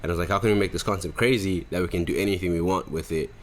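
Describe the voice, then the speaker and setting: A Zimbabwean man in his twenties hosts a podcast, chatting casually in a rambling, slang-heavy way. His voice sits low with a steady tone, and he talks rapid-fire.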